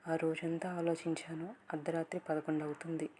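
A woman narrates a romantic story in the first person, with a low voice that stays flat and even. She reads softly and slowly, at times dropping to a whisper. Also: slight background noise. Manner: soft, slow, partly whispered reading.

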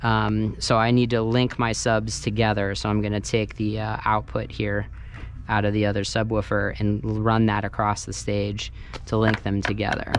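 A man with a lowish voice and completely flat delivery speaks at a moderate pace while giving an informal first-person sound engineering tutorial as he works. Noisy room ambience is clearly heard in the large carpeted banquet hall with a wooden dance floor.

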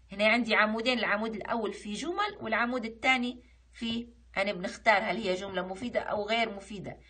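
A woman's voice: mid-range voice, sharp tone, breathy edge. A woman teacher with a Libyan accent, reviewing a lesson online and patiently explaining. She asks questions and then answers them herself. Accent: Libyan Arabic.

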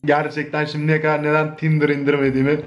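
Joking young Turkish man, high voice. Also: monotone, fast talker, dull audio, soft background music. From Turkey. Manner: joking, swears freely, laughs often. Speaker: YouTuber. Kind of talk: casual vlog commentary.

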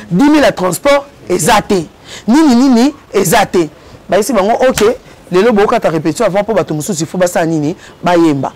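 A man animatedly telling a story as a guest in a casual interview. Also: high-pitched. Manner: lively, switches between Lingala and French.

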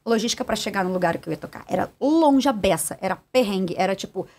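A woman DJ from Brazil, a guest on a podcast, talking in a direct and animated way and telling stories with quoted voices. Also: mid-range voice, quick pace. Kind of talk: casual interview chat.

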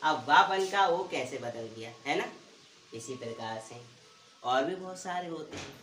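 A male teacher giving a pronunciation lesson, asking questions and answering them himself and repeating words slowly. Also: a little high, lively intonation, a bit bright, recorded from a distance, a little hiss or hum. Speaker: English teacher. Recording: roomy echo, voice from off the mic.

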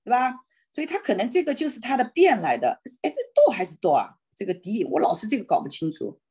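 Husky woman teaching Spanish online. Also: a little high, sing-song, darkish tone. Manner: thinking aloud, hesitant, slow when saying Spanish words. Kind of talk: online Spanish class in Chinese. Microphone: video call.

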